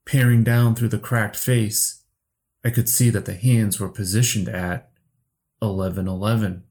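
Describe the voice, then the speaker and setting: A man narrating a horror story slowly and steadily for a podcast. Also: on the low side, little pitch movement, a little mellow. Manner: slow, measured storytelling.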